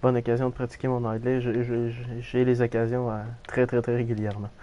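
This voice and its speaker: A man's voice: mid-range voice, level tone, a little fast, mellow, lo-fi sound. A man with a Québécois French accent, casually commenting on a game for viewers and swearing freely. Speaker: game streamer.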